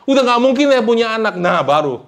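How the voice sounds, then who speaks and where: A male pastor delivering a sermon, often calling out to his listeners and asking for amens, and mixing English phrases into his talk. He rises loud for emphasis, then drops low and soft. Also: very animated, fairly quick. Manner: preaching with frequent calls of "saudara" and "amin", mixing in English phrases.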